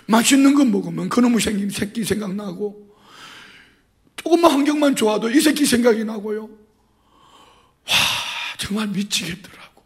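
Animated high-voiced Korean pastor preaching. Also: male voice, moderate pace, pauses often. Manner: animated storytelling, swings between loud and soft. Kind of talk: sermon.

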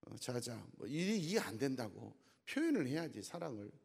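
A man preaching a joking sermon in a church, often asking the crowd "eh?" to draw them in. His voice is gravelly, with a fry at the ends of phrases. The long reverb of a large sanctuary trails behind his words. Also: mid-range voice, sing-song, moderate pace, darkish tone. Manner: jokey, teasing, often asks the crowd "어?". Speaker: pastor. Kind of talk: humorous sermon to a congregation.

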